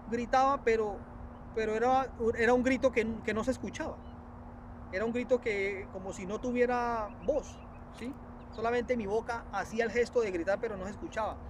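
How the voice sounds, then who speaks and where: A preacher telling a religious testimony in a halting, repetitive way, often addressing his listeners as brothers. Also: very high-pitched, a little hiss or hum. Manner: earnest, repetitive, halting storytelling with many restarts.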